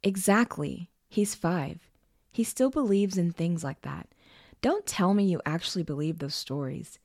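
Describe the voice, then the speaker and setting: A woman's voice: fairly low pitch, lively intonation, measured pace, creaky, a little mellow, no echo, studio quality, full character voice. Woman doing a whiny defiant little boy. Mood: scornful. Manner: whiny, mocking. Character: bratty defiant young boy.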